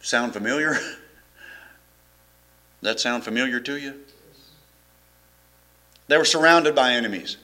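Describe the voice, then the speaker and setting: A man's voice: mid-range voice, a little slow, pauses often, bright, forceful tone. A middle-aged man, preaching a folksy, rambling sermon full of restarts and chuckles. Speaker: pastor.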